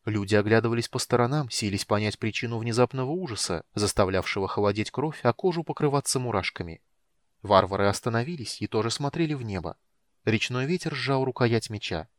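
A man reading fantasy narration in an audiobook with a steady, measured delivery. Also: medium pitch, no room sound.

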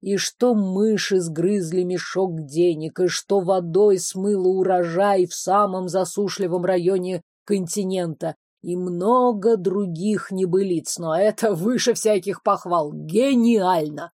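A woman lowers her voice to play a scornful duke in a fantasy audiobook. He speaks slowly and mockingly, toying with the woman he questions. The sound is dry and close. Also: fairly even intonation, a little mellow, dry recording. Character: sarcastic male duke, a treasury inspector.

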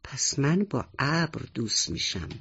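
A woman's voice: very deep voice, big pitch swings, fairly bright tone, slightly rough, dull audio, full character voice. A woman voicing a curious little boy mouse who asks earnest questions.

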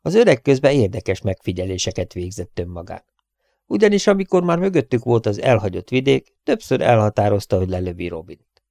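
A man's voice: on the low side, no echo, studio quality. A man reading a novel aloud as audiobook narration. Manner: steady storytelling reading. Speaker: audiobook reader.

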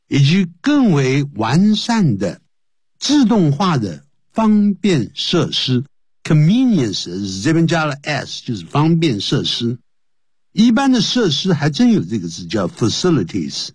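A man's voice: mid-range voice, wildly swooping pitch, takes it slowly, a little mellow, slightly rough, no room sound. A man teaching English on the radio, explaining phrases in Chinese and spelling words out letter by letter.

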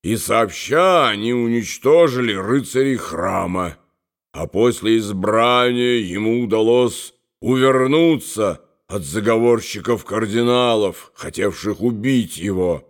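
A man reading a novel aloud as an audiobook narrator, with an unhurried, even storytelling delivery. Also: lowish voice. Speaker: audiobook reader.

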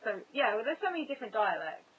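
A woman's voice: fairly high pitch, sing-song, racing, phone-quality sound. A woman from England chatting casually with a co-host while they watch a show together, laughing often.

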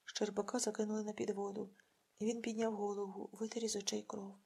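A woman reading a novel aloud in an earnest, measured narration. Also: mid-range voice, level tone, vocal fry, a little mellow, slightly rough. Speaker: audiobook reader. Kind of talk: scripted narration.

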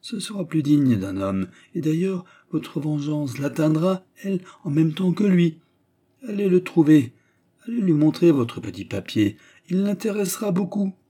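A man voicing a coarse, scheming middle-aged male estate steward in a gruff, blustering manner. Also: mid-range voice, expressive, normal speed, warm tone.

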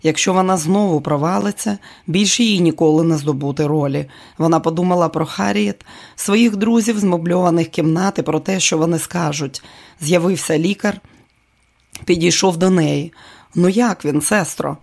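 Steady audiobook narrator. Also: mid-range voice, moderate pace, gravelly.

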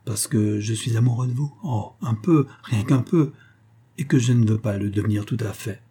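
Guy doing a cynical young striver, plain husky voice, blunt, a bit hesitant. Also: lowish voice, normal speed, warm tone. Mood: coaxing. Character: ambitious, cynical young male social climber.

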